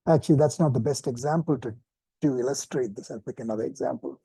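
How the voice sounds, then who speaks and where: A man teaching an informal spoken lesson, relaxed and self-deprecating, often restarting his sentences. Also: mid-range voice, fast, gravelly, breathy edge, no echo. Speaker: meditation teacher.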